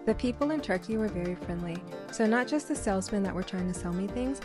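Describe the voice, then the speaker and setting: A woman's voice: medium pitch, expressive, fast. Woman, travel vlog narrator, casual chatty read over faint music. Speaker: travel vlogger.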